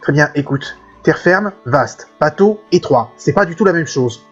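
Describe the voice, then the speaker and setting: A man plays a stern young mercenary leader who talks in short, blunt questions. His voice sits a little high and sounds husky. It is a dull lo-fi recording with faint game music. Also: animated, unhurried. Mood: exasperated.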